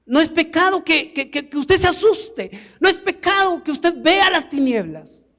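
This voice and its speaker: A man's voice: very high voice, expressive, normal speed, fairly bright tone, big-room sound. A man preaching a sermon in a church, emphatic and building to exclamations. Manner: emphatic, rises to exclamations and acted quotes.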